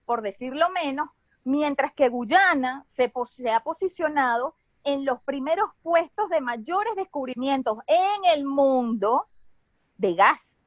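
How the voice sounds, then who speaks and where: High-voiced woman with a Venezuelan Caribbean accent. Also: expressive, slow pace, no echo. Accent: Venezuelan Caribbean Spanish. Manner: didactic, checks in with short tag questions. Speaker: expert speaker on geopolitics. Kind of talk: explanatory talk, semi-formal.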